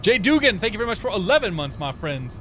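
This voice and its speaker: A man's voice: high-pitched, very animated, fast talker, a bit bright, a little hiss or hum. A man streaming a flight simulator session on headset audio, chatting casually and greeting viewers by name as he flies. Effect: livestream headset audio. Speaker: livestreamer. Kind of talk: casual commentary while flying a flight simulator.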